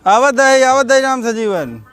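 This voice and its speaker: A man's voice: very high-pitched, very animated, unhurried, fairly bright tone, soft background music, full character voice. A man playing a drunk village son in a rural comedy sketch, slurred and rambling, repeating himself in a Bhojpuri accent. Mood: pestering.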